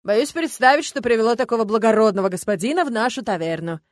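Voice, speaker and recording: Storybook role: a blunt, haggling tavern keeper, middle-aged man, loud , read by a woman. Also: a little high, expressive, fast talker, no room sound, clean studio sound, close to an everyday voice. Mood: gruff.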